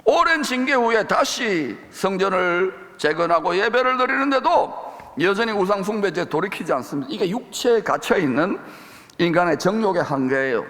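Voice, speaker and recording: A man's voice: high voice, a bit bright, big-room sound. A man preaching a sermon as pastor, making emphatic declarations. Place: church sanctuary.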